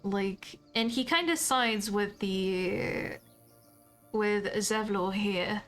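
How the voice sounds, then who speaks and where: A woman's voice: mid-range voice, very slow, a bit bright, faint music behind. A woman giving casual commentary as she streams a game, chatty and swearing freely as she explains her character's thoughts.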